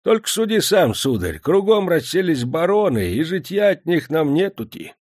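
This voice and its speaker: A man's voice: a little high, sing-song, darkish tone, no room sound, clean studio sound, voice pushed up. Bearded old fisherman, bitter and brooding, voice raised; male narrator doing it. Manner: slow, brooding.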